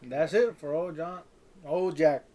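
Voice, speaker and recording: A man's voice: fairly high pitch, a little slow, mellow. A man co-hosting a podcast, chiming in with loose, slangy remarks. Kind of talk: casual chat.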